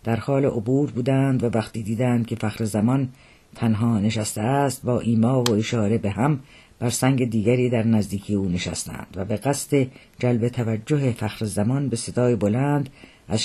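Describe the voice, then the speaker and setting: A man reading his own novel aloud as audiobook narration, in a measured, literary manner with a husky voice. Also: mid-range voice, dark tone.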